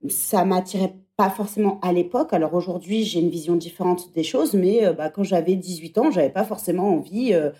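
This podcast guest, a former teacher in her thirties, speaks in a low-leaning, warm voice, briskly and with few pauses. The interview is conversational, and she reflects and thinks out loud as she talks.

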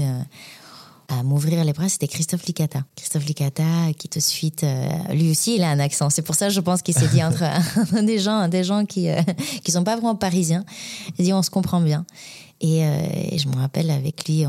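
Low gravelly woman, Bulgarian accent. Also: warm tone. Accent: Bulgarian, with a slight Québécois tinge. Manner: hesitant, many restarts and fillers, laughs often. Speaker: guest, professional dancer. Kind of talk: casual interview talk.

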